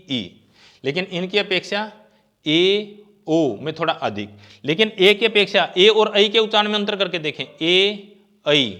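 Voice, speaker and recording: This teacher, a man with a slightly high and fairly bright voice, delivers a grammar lecture for exam preparation. He poses rhetorical questions and answers them himself, drawing out vowel sounds as he demonstrates them.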